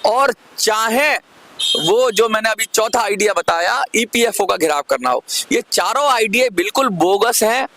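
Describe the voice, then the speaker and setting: Man, host commentary, high gravelly voice, bright edge, urges viewers to comment, persuasive. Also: no echo. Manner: argumentative, repeats points for emphasis. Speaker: channel host. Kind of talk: direct-to-camera commentary.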